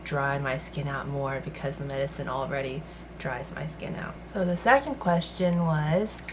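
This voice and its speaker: A woman's voice: rumbling low, moderate pace, noisy background. A young woman vlogger, born in China and raised in the American South, chatting casually about her life while doing her makeup. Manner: soft-spoken, personal storytelling while doing makeup. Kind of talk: casual get-ready-with-me chat.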